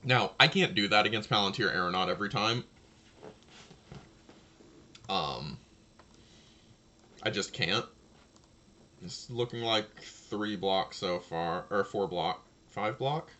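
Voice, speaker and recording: A man casually commentating his own card game match, thinking aloud and talking to his opponent, his voice low and slightly gravelly. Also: animated, slow, long pauses, sharp tone, slight background noise.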